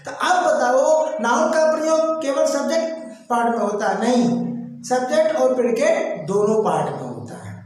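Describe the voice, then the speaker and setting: Man, grammar teacher, rhetorical questions, booming room echo, distant from mic. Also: expressive, normal speed, soft background music. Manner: asks students rhetorical questions and answers them himself; often checks with "right?". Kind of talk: classroom-style grammar lesson. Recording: very echoey room, voice from away from the mic.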